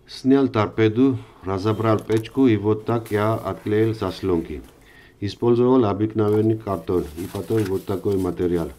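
A man's voice: on the low side, moderate pace, dark tone, a little hiss or hum. A man hosting a car repair channel, giving a plain instructive voice-over tutorial with slightly non-native grammar.

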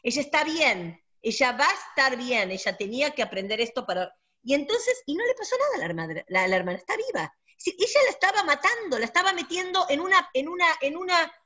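Woman, emphatic storyteller, high and very lively pitch. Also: fast. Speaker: doctor and radio co-host. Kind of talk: casual spiritual talk. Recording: dull lo-fi audio.

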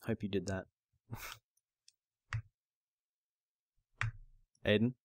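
Low-voiced man cursing through a game. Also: fairly even intonation, very slow, dry recording. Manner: swears freely, laughs often, reads game text aloud. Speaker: gamer host. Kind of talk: casual gaming commentary.

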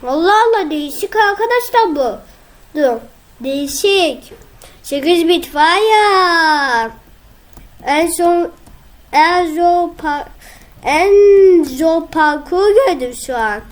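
A young woman, casually commenting on her own gameplay, excitable and whiny when frustrated. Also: very high-pitched, takes it slowly. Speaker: gaming video host.

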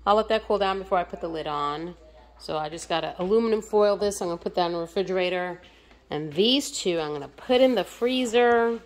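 Cooking in her home kitchen, a woman from the United States who vlogs about home cooking casually narrates every step of her meal prep. She talks a little quickly in a lowish voice.

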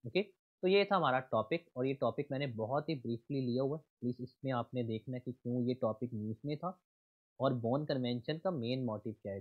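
A man teaching an exam class over slides, reading the slide text aloud and then explaining it in Hindi asides while checking that students follow. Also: medium pitch. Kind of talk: slide lecture mixing Hindi and English. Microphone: voice-over on screen recording. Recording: tinny phone-like audio.

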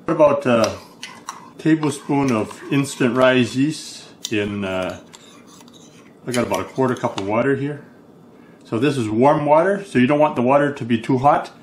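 A man hosting a casual food vlog and cooking demo, speaking easygoing and pausing often with "uh" as he explains. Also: medium pitch, slight background noise. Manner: easygoing, frequent "uh" pauses while explaining. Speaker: food vlogger.

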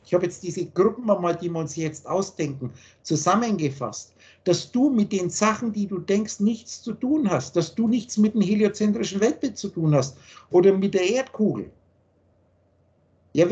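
A man with a German accent holds forth over a video call, and his voice sits fairly high. He talks bluntly and insistently, hammering each point home with homely examples. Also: expressive, moderate pace, a little mellow, muffled recording. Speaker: spiritual teacher.

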